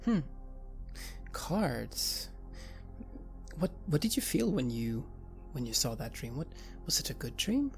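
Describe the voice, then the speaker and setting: A woman game master who narrates and speaks for a doctor, in a soothing, gently repetitive manner. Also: sits low, very animated, slow, creaky, pauses often, faint music behind. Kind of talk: narrating and voicing a kind doctor.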